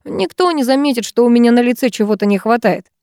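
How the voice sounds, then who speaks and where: A woman's voice: fairly high pitch, lively intonation, fast talker, a little mellow, no room sound, studio quality, voice pushed up. A woman voicing a cheerful, joking adult man in an audiobook, with a lighthearted, teasing delivery. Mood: calm. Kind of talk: audiobook character voice.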